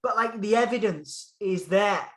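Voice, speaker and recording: A man's voice: sits high, measured pace, bright, forceful tone, reverberant. A man with a Hull accent, chatting enthusiastically as a podcast guest over a call, often repeating phrases for emphasis. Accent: Hull English. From Hull, England. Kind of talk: casual interview chat.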